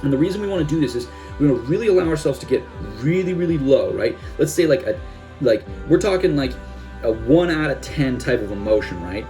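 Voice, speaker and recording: A man's voice: mid-range voice, expressive, a little fast, mellow, faint music behind. A young man, a self-help coach, giving a casual instructional talk and now and then dropping into gloomy voices of the listener's thoughts.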